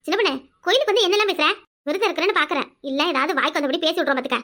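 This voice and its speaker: A woman voicing a bossy, devout village woman in a cartoon comedy, with a shrill scolding manner and a Kanyakumari Tamil accent. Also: expressive, racing, fairly bright tone.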